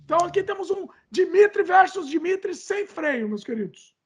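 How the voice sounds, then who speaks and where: A man's voice: very high voice, normal speed. A young Brazilian man hosting a podcast in casual chat, playful and jokey, mocking himself. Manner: energetic. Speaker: podcast host.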